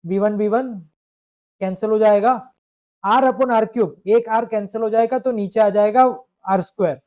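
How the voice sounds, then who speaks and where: A high-pitched man works through a math problem in a live online class, checking step by step that his students follow. The sound is dull and lo-fi, like a compressed stream. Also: fairly even intonation, normal speed, darkish tone. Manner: explains step by step, asks students to confirm. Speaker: math teacher.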